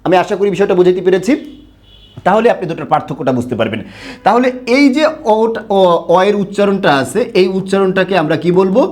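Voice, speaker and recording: A man's voice: high voice, lively intonation, fast talker, a little mellow. A man teaching pronunciation in an online lesson, asking questions and answering them himself, drawing out words to show each sound. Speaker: Bengali grammar teacher.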